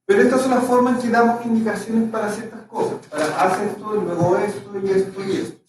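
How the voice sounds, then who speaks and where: A man's voice: high voice, steady tone, a little fast, a little mellow. A man teaching a language class, explaining patiently and often checking that his students follow. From Chile. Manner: patient, checks understanding with frequent "¿cierto?". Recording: echoey, distant from the mic, faint noise.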